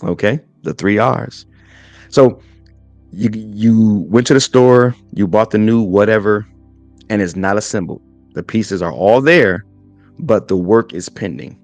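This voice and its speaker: Man, forties, low voice, motivational faith talk, podcast host, keeps asking "right?", dry sound, faint music behind. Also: measured pace, no room sound. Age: 40s. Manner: repeats "right?" and stacks lists in threes.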